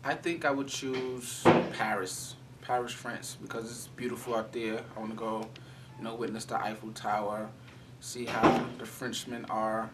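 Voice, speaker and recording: A young man answers casually and rambles a little. His low voice stays flat, and it is picked up from a distance with clear background noise. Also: normal speed. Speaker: student. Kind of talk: interview answers. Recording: distant mic, noisy.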